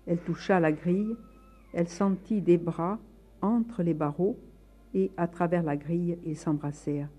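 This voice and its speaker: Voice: medium pitch, fairly even intonation, unhurried, mellow. A storyteller reading a story aloud in a dramatic, emotive way. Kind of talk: expressive read-aloud narration.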